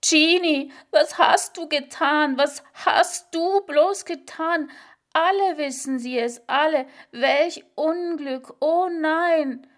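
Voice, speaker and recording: A woman reading a story voices a frail, despairing nun of ninety-seven who wails in a high, drawn-out lament. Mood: distraught wailing. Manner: high, slow, wailing lament. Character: frail 97-year-old nun, wailing in despair.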